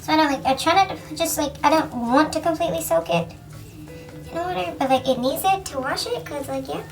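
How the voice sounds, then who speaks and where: A woman's voice: sits high, a little fast, distant mic, soft background music, low-quality recording. A woman vlogger giving a casual how-to, joking and profane, who keeps asking "you know?". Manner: joking, self-mocking. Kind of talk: casual tutorial chat.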